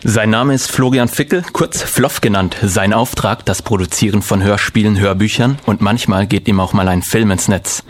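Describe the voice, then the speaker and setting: A man hosting a radio interview and asking relaxed, friendly questions. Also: on the low side, moderate pace, hardly any pauses. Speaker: radio host.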